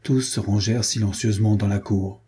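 Low, husky-voiced man for historical novel narration; dark tone, even pacing. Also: fairly quick. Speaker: audiobook narrator.

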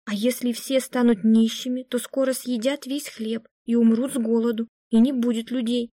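Woman reading aloud as an indifferent young woman, stubborn, monotone, slightly high, mellow tone. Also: normal speed, dry recording, studio quality, natural voice. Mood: flat indifferent. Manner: flat, monotone and reluctant. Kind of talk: audiobook reading.

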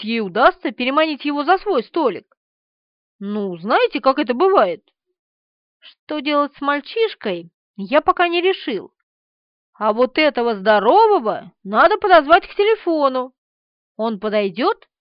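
A woman voicing an impatient police officer who lays out plans in a brisk, bossy way. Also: high voice, dry recording. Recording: dull lo-fi audiobook recording.

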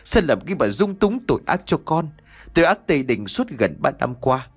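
A man's voice: fairly high pitch, sing-song, normal speed, breathy edge, faint music behind, full character voice. A man reading a storybook voices a middle-aged mother who tearfully pleads with her son. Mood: pleading. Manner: pleading, sobbing confessions.

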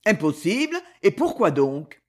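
A man's voice: sits high, sing-song, unhurried, heavily acted. A reader voicing a proud young male duke who earnestly pleads for a marriage, in an audiobook. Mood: pleading.

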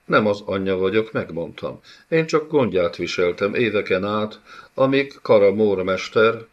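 Old captive nomad woman, worn down, bitterly defiant, as read by a deep male narrator; lo-fi sound. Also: lively intonation, natural voice.

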